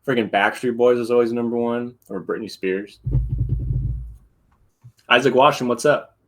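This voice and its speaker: A man's voice: mid-range voice, moderate pace, fairly bright tone, rough recording. Guy in his 30s co-hosting a podcast, rambly chill storyteller. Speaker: podcast co-host. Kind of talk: casual chat.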